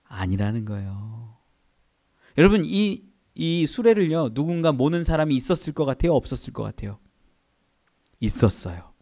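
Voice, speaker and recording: A male pastor preaching a sermon in a church. He keeps asking the congregation questions and swings between loud outbursts and hushed near-whispers. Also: mid-range voice, normal speed. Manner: animated, asks the congregation rhetorical questions. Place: church sanctuary.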